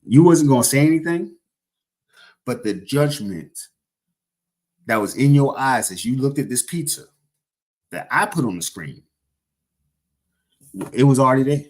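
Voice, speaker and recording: A man's voice: medium pitch, big pitch swings, a little slow, pauses often, darkish tone. A young man casually chatting on a livestream, rambling and joking as he corrects himself mid-sentence. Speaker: livestream host.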